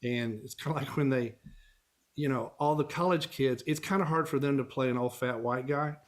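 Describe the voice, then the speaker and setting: A man's voice: medium pitch, steady tone, moderate pace. A middle-aged man from Texas, a guest on an interview show, telling stories in an easygoing way and chuckling now and then. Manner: easygoing storyteller, chuckles while talking. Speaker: guest, family law attorney and actor. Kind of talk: casual interview conversation.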